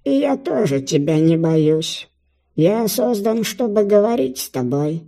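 A man voicing a sly, squeaky, creaking creature messenger in an audiobook, speaking in a slow drawn-out wheedling way. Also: big pitch swings, dark tone, exaggerated voice. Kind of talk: audiobook character voice.

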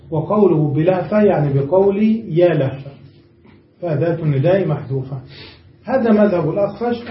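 A man giving a grammar lesson who explains step by step, slowing down to draw out each example word and stopping to check that his students follow. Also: sits high, a little hiss or hum. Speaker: teacher. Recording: echoey lo-fi recording from a distance.

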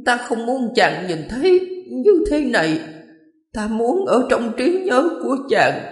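Woman as a dying old fairy, tender, pleading, soft, high lilting voice, echoey room. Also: sing-song, measured pace. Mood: tender farewell. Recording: echoey, long reverb.

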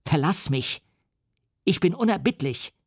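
A man's voice: fairly high pitch, lively intonation, unhurried, slightly rough, no room sound, studio quality, voice pushed up, heavily acted. A man playing a furious, defiant young scientist. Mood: scornful. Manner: vehement and indignant.

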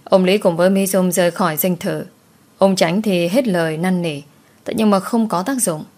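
A woman's voice: lowish voice, moderate pace, darkish tone. Woman narrating a folk tale. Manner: voices every character herself, shifting tone for each. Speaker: storyteller.

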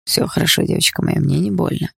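A young man bloodied but steady, keeping his voice soft and reassuring. It is hoarse and gravelly in the narrator's own low register, recorded close and dry. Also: fairly quick, no room sound. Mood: tender reassuring. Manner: calm reassuring through pain. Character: young man, beaten captive, tender and steady.

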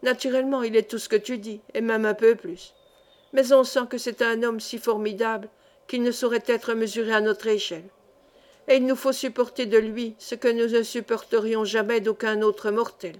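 A woman's voice: fairly high pitch, fairly even intonation, moderate pace, natural voice. Woman reading as an eager journalist friend. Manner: eager and admiring. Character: cheerful male journalist, enthusiastic.

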